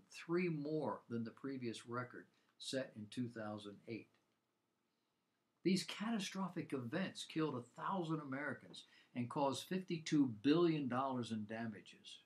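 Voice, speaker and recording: A man presenting a scripted Bible program, mixing commentary with rhetorical questions and an emphatic delivery. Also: mid-range voice.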